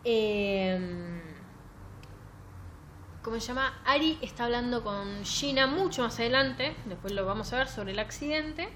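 Speaking a little slowly in a higher register, this woman has a Rioplatense Spanish accent, and a faint hiss or hum runs under the audio. As co-host of a casual book-review podcast, she's sarcastic and lively, reading passages aloud to mock them.

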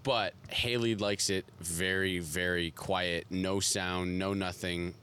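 A young man co-hosting a podcast, telling stories in a relaxed, joking way. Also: low-pitched, slow pace, clean tone. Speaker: podcast co-host. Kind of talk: casual chat.

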